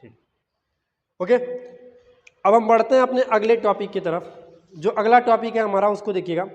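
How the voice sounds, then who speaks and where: A man's voice: sits high, big-room sound. A man teaching vocabulary for a competitive exam in an explanatory classroom style on the terms, repeating key words back as questions. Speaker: English teacher for exam prep.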